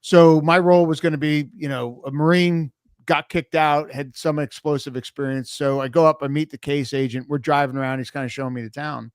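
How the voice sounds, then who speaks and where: A middle-aged male podcast host with a somewhat high voice shares relaxed anecdotes and quotes the people in them along the way. The sound is dry and close, with no room echo. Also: brisk, clear, resonant tone. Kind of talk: casual interview chat.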